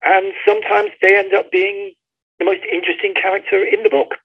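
A high-pitched, creaky voice with a breathy edge belongs to a man interviewed as an author over a dull, lo-fi line. He speaks briskly with a steady tone, articulate and storytelling in this conversational book interview.

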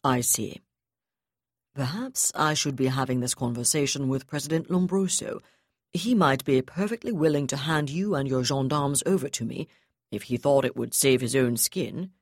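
A ruthless male military commander speaks with calm, measured contempt, voiced by a woman reading aloud. The voice is low and close, with a dry sound and no echo. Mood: cold.

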